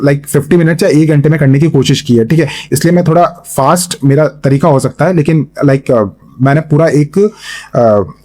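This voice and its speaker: A young male tutor gives an online exam-prep geography lesson in a mellow, somewhat raised voice. His voice is getting hoarse after a long session, and he keeps checking in with "okay?" between points, full of fillers and mixing two languages. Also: fairly high pitch. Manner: Hinglish, frequent fillers, checks in with "thik hai". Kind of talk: online lecture with map.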